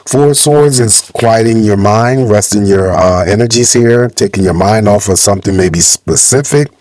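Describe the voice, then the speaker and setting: Low-voiced man, slightly muffled with a cold. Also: normal speed, a little mellow, no room sound. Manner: informal, conversational, addressing viewers directly. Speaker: tarot reader hosting a channel. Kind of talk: casual spoken tarot reading.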